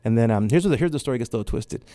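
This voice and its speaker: Fast-talking man telling a story. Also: mid-range voice, dry recording. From California, San Joaquin Valley. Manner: animated storyteller, acts out the people he quotes. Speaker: guest artist. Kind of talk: casual storytelling interview.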